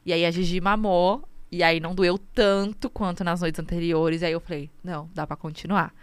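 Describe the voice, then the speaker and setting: A young woman, a new mother, telling her story casually in an interview, emotional and animated, acting out what she said to herself. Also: lowish voice, moderate pace, clear, resonant tone, no echo. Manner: emotional, animated storytelling with quoted inner speech.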